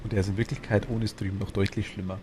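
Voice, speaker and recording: A man with a Bavarian accent streams a game and chats casually, rambling and murmuring to himself as he plays. His lowish voice is flat and fast, with background noise behind it.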